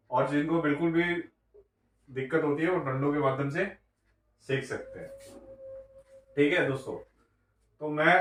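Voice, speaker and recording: Man slowly counting in an echoey room. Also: fairly high pitch, far from the mic. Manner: slow, counting aloud one number at a time. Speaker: maths teacher. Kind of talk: beginner maths lesson. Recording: echoey room, away from the mic.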